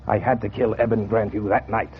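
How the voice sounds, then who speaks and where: An actor plays a bitter, cold-blooded man set on revenge, narrating in a brooding 1940s radio noir style with sardonic deliberation. His low voice is lightly acted, brisk, and steady in tone, with a grim, determined mood. The recording is a dull, noisy 1940s radio capture.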